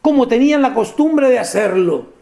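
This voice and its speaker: A man preaching a lively sermon, talking straight to his listeners and laughing often. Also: very high voice, moderate pace, gravelly. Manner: animated, addresses listeners directly, laughs often.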